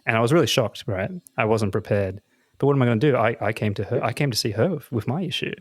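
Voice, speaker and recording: A man co-hosting a podcast, telling a comic story in an animated, self-mocking way with frequent laughs. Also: medium pitch, quick pace, slightly rough, dry recording, studio quality. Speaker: podcast co-host. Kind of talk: casual chat, comic storytelling.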